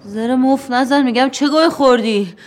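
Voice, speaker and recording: A woman's voice: deep voice, slightly rough. A defiant, distraught young woman. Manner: sharp, defiant retorts that flare into shouting.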